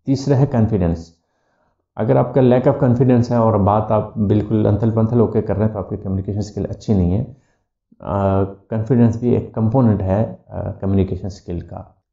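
Gravelly, dark-voiced Urdu-speaking male educator. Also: on the low side, steady tone, moderate pace. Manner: explanatory, mixes English terms, frequent "uh" fillers. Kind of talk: lecture-style talk. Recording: echoey room, dull lo-fi sound.

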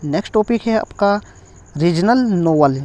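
Indian male teacher, high mellow voice, slow careful repetition, crickets behind. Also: lively intonation. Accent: Indian English. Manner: explains step by step, repeats key points, reads English definitions slowly. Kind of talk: exam-focused lecture.

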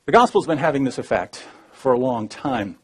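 In his thirties, a debater shares a personal testimony, telling it in a measured, low-key way that often sinks into quiet. His pitch swings widely, and his voice has a breathy edge.

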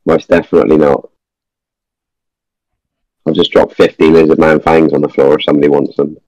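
A man's voice: a bass voice, little pitch movement, a little fast, darkish tone, no room sound, muffled recording. A young man in gameplay chatter on a headset mic, swearing constantly and sounding exasperated. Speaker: gamer.

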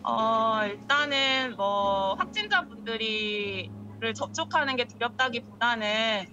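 A woman's voice: fairly high pitch, lively intonation, takes it slowly, pushed and bright, highs cut off, soft background music. A young woman, a doctor, explaining her work as an interview guest over a video call, through a face mask. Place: busy hospital room indoors, on a video call. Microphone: video call, phone close to face, through a mask.

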